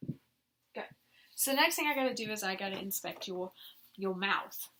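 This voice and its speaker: A woman's voice: medium pitch, animated, a little fast, pushed and bright, a little hiss or hum, rough recording. A woman demonstrating a clinical exam, informally explaining each step and giving instructions to her patient. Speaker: examiner demonstrating a nursing head assessment on a patient.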